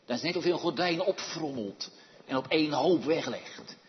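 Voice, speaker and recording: A man preaching a sermon who swings from loud, emphatic bursts to hushed near-whispers and slowly repeats pleading phrases. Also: fairly high pitch, highs cut off.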